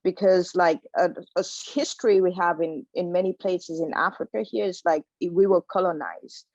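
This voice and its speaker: A woman from Senegal gives a relaxed, conversational talk, with plenty of "like" and "you know". Her voice sits fairly low and sounds dry and close. The sound is dull and lo-fi, as on a video call. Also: normal speed, dry recording. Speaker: guest lecturer. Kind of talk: informal lecture.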